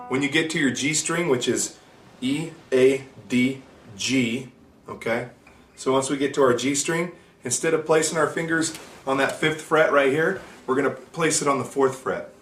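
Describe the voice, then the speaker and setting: A man teaching guitar in a casual video lesson, talking in a relaxed, chatty way with fillers and restarts. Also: medium pitch. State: has the hiccups. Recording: echoey room with guitar playing.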